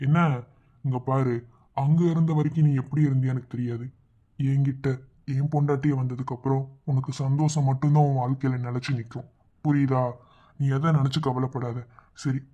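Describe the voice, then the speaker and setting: A man voicing a mellow, doting Madurai fiancé. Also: mid-range voice, muffled recording, close to an everyday voice. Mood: reassuring. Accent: Madurai Tamil. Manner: reassuring, affectionately teasing. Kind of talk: cartoon voice acting.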